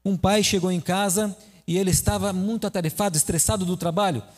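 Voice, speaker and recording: This preacher's high-pitched voice stays steady as he moves at a quick pace through a church sermon. He tells a story and keeps asking his congregation questions, conversationally, with hall reverb echoing around him.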